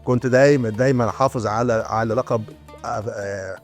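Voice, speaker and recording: Older Egyptian man, fast hesitant storyteller. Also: mid-range voice, fairly even intonation, soft background music. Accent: Egyptian Arabic. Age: 60s. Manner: storytelling, explaining with many hesitations and restarts. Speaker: guest, retired antiquities restorer. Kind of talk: casual interview talk.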